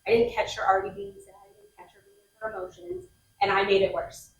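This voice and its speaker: A woman's voice: medium pitch, very animated, fast, vocal fry. A woman co-presenter telling a personal story and acting out the quotes with animation. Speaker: behavior analyst co-presenter. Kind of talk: personal anecdote in a talk. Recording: echoey, far from the mic.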